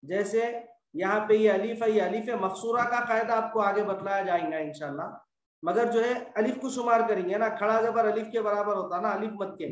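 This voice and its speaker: A man teaching Quran recitation rules in a patient, repetitive classroom style, slowly stretching out the example words. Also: sits high, distant mic, highs cut off. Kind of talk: classroom lesson on tajweed rules. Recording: echoey room, voice from off the mic.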